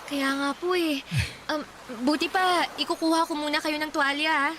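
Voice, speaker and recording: A woman's voice: high-pitched, steady tone, normal speed, close to an everyday voice. An actress playing a dutiful young eldest daughter in a Filipino radio drama, solicitous and respectful toward her father. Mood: fussing, concerned. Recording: clearly noisy background ambience.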